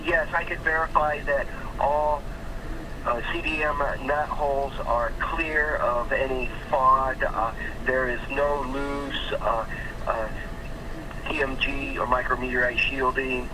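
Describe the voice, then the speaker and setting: A man speaking as an astronaut crew member, giving halting technical reports over a radio link. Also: medium pitch, fairly even intonation. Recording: noisy radio from spacecraft.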